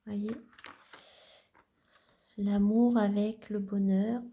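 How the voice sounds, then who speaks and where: A woman vlogger casually showing her card decks, talking gently and haltingly with many restarts. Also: mid-range voice, level tone. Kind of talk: casual show-and-tell vlog.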